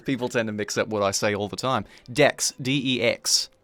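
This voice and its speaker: A man's voice: on the low side, normal speed, a bit bright, a little hiss or hum, lightly acted. A man voicing a scarred male security guard with a put-on Australian accent that drifts Southern. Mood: friendly. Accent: Australian, slipping toward Southern US.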